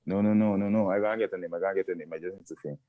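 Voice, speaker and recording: Over phone-quality audio, a young Caribbean-accented man racing along in a low, steady voice rambles through a casual chat as a guest comedian, searching for words as he goes.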